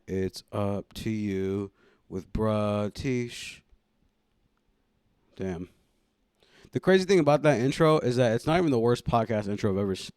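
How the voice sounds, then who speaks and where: A young man with a medium-pitched voice hosts his own casual solo podcast from a room at home, rambling playfully and poking fun at himself. The recording is dry and studio quality.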